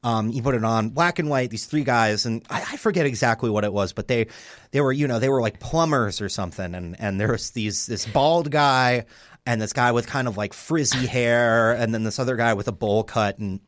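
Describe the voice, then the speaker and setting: Male comedy podcast host; meandering, filler-heavy delivery, medium pitch, dry booth sound. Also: dry recording. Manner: halting, many fillers and restarts. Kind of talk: rambling comedic storytelling.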